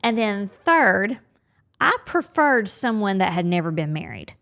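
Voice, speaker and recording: A woman co-hosting a podcast speaks in a medium-pitched, fairly bright, creaky voice with big pitch swings and a slightly slow pace. She's frank and chatty in a candid conversation, thinking aloud and quoting her own inner thoughts.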